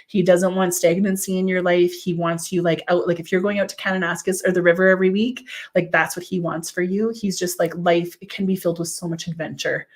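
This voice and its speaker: A woman's voice: lowish voice, little pitch movement, fairly quick, few pauses. A woman psychic medium doing a live-stream reading. She gushes affectionately, uses many "like" fillers and answers viewers' comments aloud.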